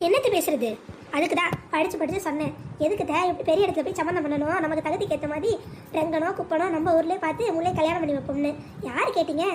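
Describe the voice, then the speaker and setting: Grumbling cartoon sister-in-law, voiced by a woman; sarcastic, high, quick. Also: background noise. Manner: sarcastic, complaining.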